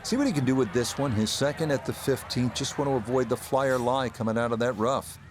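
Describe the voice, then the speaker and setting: A man's voice: mid-range voice, fairly quick, noisy background, close to an everyday voice. A man giving play-by-play as a golf commentator, with a polished broadcast delivery. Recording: music and crowd behind the voice. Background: music, crowd.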